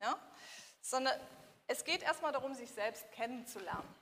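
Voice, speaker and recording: A woman with a high, bright voice teaches a body-language workshop to a live audience. She keeps firing questions at the room and acting out examples. Her voice rings in a large hall with a long reverb. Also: moderate pace, slight background noise. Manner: animated, asks the audience questions and acts out examples.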